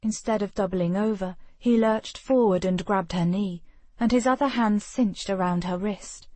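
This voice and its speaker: A woman narrating a historical romance audiobook in a measured, steady storytelling voice. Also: mid-range voice, no room sound.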